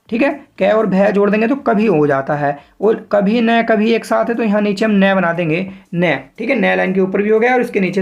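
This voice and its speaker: A man gives a patient spoken lesson on shorthand, walking through each step. He keeps checking in with his listeners. He also slows down to sound out words one by one as he demonstrates them. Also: sits high, gravelly, muffled recording. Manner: explains step by step, checking in often. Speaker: shorthand teacher.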